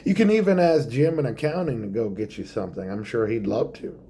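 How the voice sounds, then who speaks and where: A man doing a stand-up comedy monologue in a theatrical way, drawing words out for effect and dropping to hushed asides. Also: medium pitch, fairly quick, a little hiss or hum.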